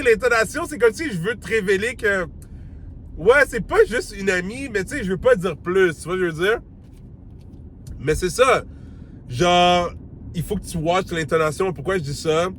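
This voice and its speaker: A talkative man with a Québécois accent and a voice pitched a little high, coaching the listener on dating like a buddy. His speech is loose and slangy, with English words dropped in, and he acts out the lines he quotes. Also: a bit bright, a little hiss or hum. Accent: Québécois French. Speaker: dating advice host. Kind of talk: casual advice monologue.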